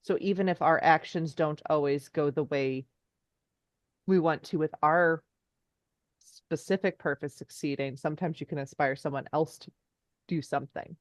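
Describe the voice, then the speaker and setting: A woman's voice: sits low, steady tone, normal speed, no room sound, clean studio sound. A woman talking as a podcast guest in a casual chat, enthusiastic and rambling in long trailing asides.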